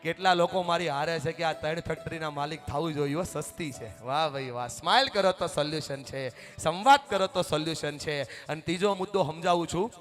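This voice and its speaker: A man giving an energetic motivational speech at a family gathering. He exhorts the audience and leads them in call-and-response chants, sometimes shouting. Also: on the high side, brisk, few pauses, faint music behind.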